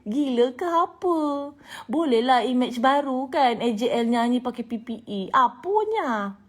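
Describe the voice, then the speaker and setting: Speaking slowly in a high-pitched voice, a Malaysian Malay singer in her thirties recounts something personal on her vlog. Her delivery is emotional and lively, swinging between quiet whispers and loud outbursts.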